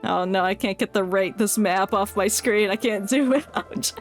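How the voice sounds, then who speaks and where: A female game streamer with a mid-range voice offers casual live commentary at a moderate pace, giggling and chatting to herself and to the game's characters. Background music plays under her voice.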